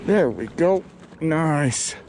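A man's voice: fairly high pitch, animated, very slow, noisy background. A man giving casual, upbeat running commentary while fishing from a small boat on a lake, recorded on an action camera. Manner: upbeat, repeats words while landing fish. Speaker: fly fishing vlogger.

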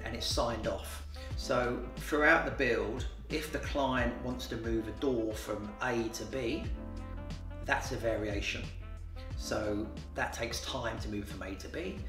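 A renovation company boss, a man with a lowish voice, answers interview questions in a plain, matter-of-fact way, repeatedly using fillers and restarting sentences. He is indoors in an office, recorded from a distance with roomy sound.

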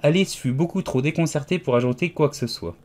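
A man's voice: fairly high pitch, brisk, darkish tone. Man narrating an audiobook. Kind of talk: scripted narration.

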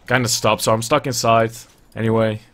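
A young man from the Netherlands with a Dutch accent casts a game on his own at home, easygoing and talkative, thinking aloud with the odd curse. His lowish, fairly bright voice moves quickly with little pitch variation. He records through earbuds and a webcam at his desk.

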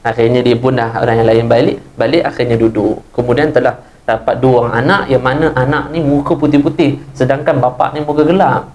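A man's voice: a little fast, a little hiss or hum. A man with a Malaysian Malay accent giving a religious lecture, telling stories and acting out the characters' lines with a raised voice. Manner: lively storyteller, acts out characters' lines with raised pitch. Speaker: religious teacher. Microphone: wireless lapel mic.

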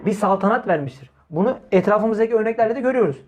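This man, an Islamic preacher, speaks in a high-pitched voice with lively intonation, racing through an informal religious talk. He stresses his points, repeats key phrases, asks rhetorical questions and speaks to listeners as brothers.

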